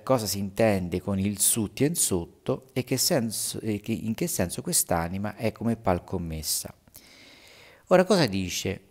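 Low creaky-voiced male teacher. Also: darkish tone. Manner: halting explanation, reads verses slowly with raised emphasis. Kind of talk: literature lesson going over homework answers.

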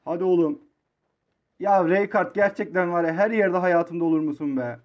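Excitable young man calling his own match. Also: moderate pace, highs cut off. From Turkey. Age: 20s. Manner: excitable, swings between low muttering and shouting. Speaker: mobile football gamer. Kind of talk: live commentary over his own match.

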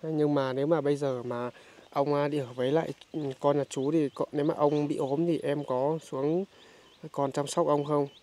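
A man doing a casual on-location interview in a rural village, speaking haltingly with many filler sounds. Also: a little high, steady tone, dark tone. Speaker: vlogger visiting a poor family.

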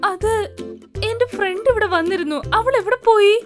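A woman's voice: extremely high pitch, normal speed. A woman voicing a frightened young wife who believes a ghost is calling her. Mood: anxious. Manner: fearful, pleading. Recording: music behind voice.

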